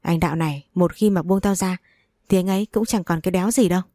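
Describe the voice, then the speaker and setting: A woman's voice: on the low side, steady tone, a little fast, mellow, no room sound, clean studio sound, close to an everyday voice. A woman voicing a furious, betrayed wife who curses and scolds harshly.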